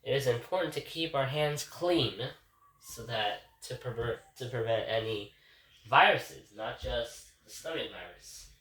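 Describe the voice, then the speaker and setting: In his home kitchen, a congested man with an expressive, fairly bright mid-range voice vlogs a casual daily reflection at a measured pace. He rambles and keeps calling out to his viewers as "guys," and the audio sounds roomy and distant.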